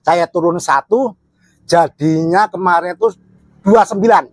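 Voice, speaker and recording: A man's voice: high-pitched, measured pace, dry recording. A man who keeps goats, talking casually and at length about his animals in a loose, rambling way. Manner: rambling, talkative, in a regional colloquial manner. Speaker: goat farmer. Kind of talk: casual chat.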